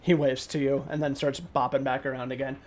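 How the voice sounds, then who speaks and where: A man narrating a tabletop game as game master, relaxed and full of ums and likes. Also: mid-range voice, fairly quick.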